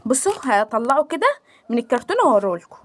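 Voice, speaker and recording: A young woman with an Egyptian accent, chatting excitedly in a casual unboxing vlog, gushing and rambling, filmed on a handheld phone. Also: fairly high pitch, rapid-fire, a little hiss or hum. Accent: Egyptian Arabic. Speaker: vlogger. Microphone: phone held in hand.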